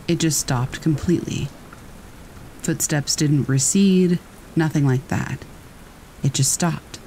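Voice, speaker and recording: A man reading first-person scary stories aloud in a steady, measured storytelling voice. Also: on the high side, slight background noise, low-quality recording. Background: rain.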